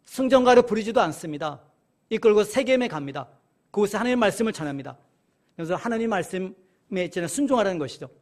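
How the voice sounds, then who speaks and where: A man teaching a Bible study sermon. He keeps asking his listeners questions and answering them, and he reads scripture passages slowly and more loudly. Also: sits high. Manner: addresses listeners often, asks and answers questions.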